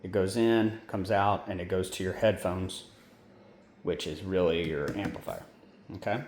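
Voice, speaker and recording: Speaking a little slowly in a low, darkish voice with fairly even intonation, a hobbyist maker explains his homemade setup. The casual how-to is rambling, informal and full of self-corrections, and it's captured with roomy sound, faint ambience and slight background noise.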